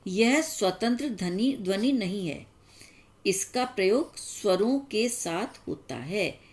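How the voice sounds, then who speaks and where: A woman teacher explains grammar rules slowly and carefully. She pauses to sound out each example, at an easy, measured pace. Her pitch sits at an ordinary middle height. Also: lively intonation, darkish tone. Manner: slow, explaining step by step with examples. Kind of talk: classroom grammar lesson.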